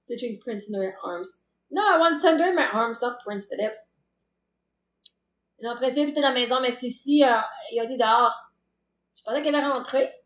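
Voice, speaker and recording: A playful woman with a Québécois accent hosts a casual live chat, laughing easily as she talks. Her voice sits high and bright in pitch. The recording has a roomy echo around it. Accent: Québécois French. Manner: chatty and playful, laughs often. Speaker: livestream host chatting with viewers.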